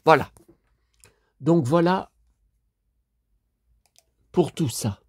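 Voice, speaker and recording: A vlogger from the Lyon area in France rambles through a casual video showing off his purchases, chatty and full of fillers and tag questions, with bursts of exasperated complaint. His voice is fairly high, creaky and slightly mellow, with lively intonation and a somewhat slow pace.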